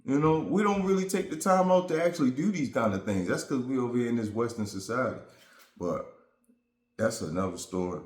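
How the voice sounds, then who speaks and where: A man's voice: mid-range voice, animated, fairly quick, roomy sound. A man vlogging to his viewers, talking through a relationship hurt in a reflective, rambling, earnest way. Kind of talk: casual vent to camera.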